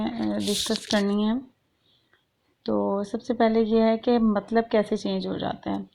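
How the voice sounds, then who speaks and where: A woman's voice: fairly high pitch, gravelly, dark tone. A woman teaching a Quran recitation lesson, who explains patiently, draws out letters and syllables, and mixes English words into her speech. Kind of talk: online lesson.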